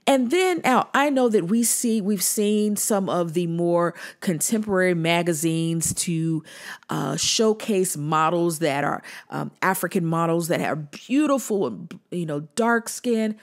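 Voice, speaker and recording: A woman's voice: lowish voice, unhurried. A woman, a body liberation coach, giving earnest commentary to the camera, often repeating and restarting words for emphasis.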